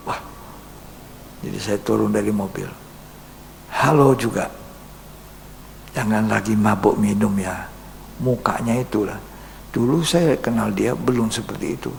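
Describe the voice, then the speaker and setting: Male pastor, gravelly, earnest storyteller who slips into whispers, long church reverb. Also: fairly low pitch, a little hiss or hum. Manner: earnest, acts out dialogue, drops to soft whispers. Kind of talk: sermon storytelling.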